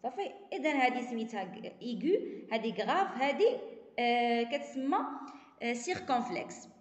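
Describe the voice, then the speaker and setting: A Moroccan woman teaches a primary-school lesson, reading each French sentence slowly and then explaining it in a quick run. Her voice sits a little high. The recording rings with long reverb, as in a bare, echoey room. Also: lively intonation.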